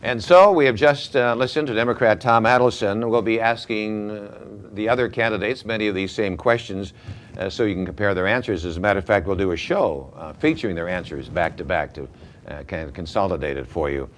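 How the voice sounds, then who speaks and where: A man's voice: fairly low pitch, fairly quick, slight background noise. A man hosting an interview show in a conversational broadcast style.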